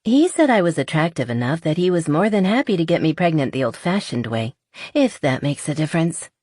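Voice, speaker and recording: A woman voicing a young woman in an audiobook, raising her voice in an emphatic, lively way. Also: low voice, fairly quick, dry recording, studio quality. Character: flustered young woman, then sweetly teasing. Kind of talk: audiobook character voice.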